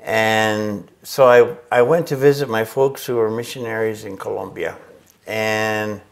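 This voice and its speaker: An older man with a lowish voice recounts a story in an animated, expressive way, often acting out his past reactions and laughing along. He was raised in Chile and speaks into a lapel mic in an indoor workshop. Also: unhurried. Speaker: interviewed missionary. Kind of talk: storytelling in a casual interview. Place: indoor workshop with a pegboard wall.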